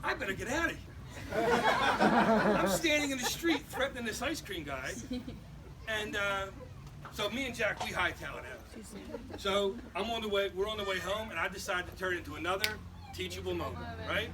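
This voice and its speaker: Animated man telling a live comic story. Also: high-pitched, moderate pace. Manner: animated, boisterous, punchline-driven. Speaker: storyteller, father. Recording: far mic, loud crowd and noise, live event.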